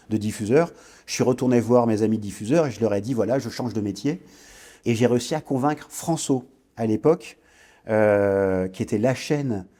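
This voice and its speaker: This podcast interview features a man in his forties from French Guiana, an entrepreneur whose voice is fairly low and dark. He narrates his career reflectively, with many hesitations and restarts.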